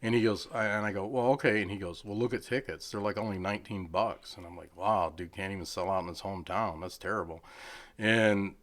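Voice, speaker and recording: A middle-aged man, a charity head, telling a story in casual chat and acting out the people he quotes with lively swings in pitch. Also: a little fast. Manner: animated, acts out quoted people with raised pitch.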